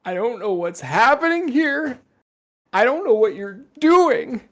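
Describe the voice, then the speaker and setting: A woman playing a sulky adventurer in a tabletop game who pleads her innocence in a whiny, defensive way. She speaks at an unhurried pace in her own everyday voice. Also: fairly high pitch, very animated, a bit bright, heavily acted. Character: sulky adult player character, pleading innocence. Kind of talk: tabletop game role-play.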